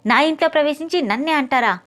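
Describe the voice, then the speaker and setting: A woman voicing a proud, fiery young woman, a rich man's daughter, who fires back sharp, indignant retorts in an audio novel. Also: sits high, quick pace, voice pushed up. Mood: angry.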